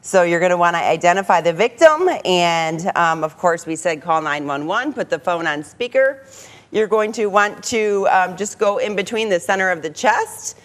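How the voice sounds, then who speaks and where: A woman's voice: fairly low pitch, animated, normal speed, a bit bright. A woman with an American accent speaking as a guest educator, explaining and demonstrating on live television.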